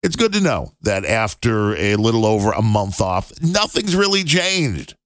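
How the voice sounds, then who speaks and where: A man's voice: fairly low pitch, big pitch swings, moderate pace, no echo, studio quality. A man hosting his own commentary show, reading news items aloud and reacting with exasperated, mocking sarcasm and bursts of laughter. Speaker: podcast host. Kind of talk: opinion commentary. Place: home studio in Illinois.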